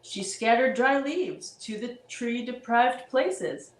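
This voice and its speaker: Brief: a woman reading rhyming verse aloud, slow and measured, in an echoey room. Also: on the high side, lively intonation. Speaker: storybook reader. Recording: roomy echo.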